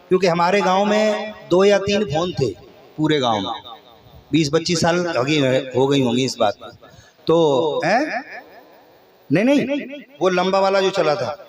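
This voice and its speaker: A male comedian telling a story live in a chatty rustic village manner, talking straight to the audience. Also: sits high.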